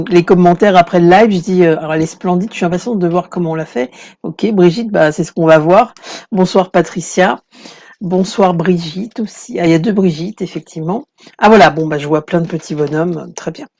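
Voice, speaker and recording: A woman leads a live craft tutorial from her desk, talking to the camera in a relaxed, rambling way full of fillers. Her voice is soft and mellow. She breaks off often to greet viewers and read their comments. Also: on the low side. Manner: chatty, reads out viewer comments, many fillers. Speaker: craft workshop host.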